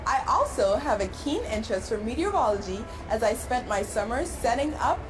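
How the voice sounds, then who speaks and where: A woman's voice: fairly high pitch, expressive, normal speed, low-quality recording. A nineteen-year-old woman from the US Virgin Islands, giving a poised, rehearsed pageant self-introduction. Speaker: pageant contestant. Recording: music playing behind the voice. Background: music.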